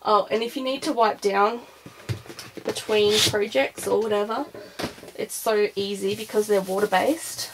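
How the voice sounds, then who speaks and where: A woman's voice: mid-range voice, fairly even intonation, a little slow. A woman presenting an informal craft demonstration, thinking aloud as she goes. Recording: clear background noise, clicks.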